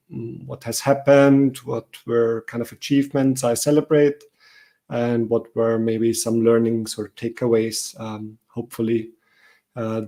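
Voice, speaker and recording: Austrian guy presenting online, lots of ums, video call mic. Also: medium pitch. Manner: relaxed, frequent ums and uhs. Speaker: conference speaker. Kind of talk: online meetup talk.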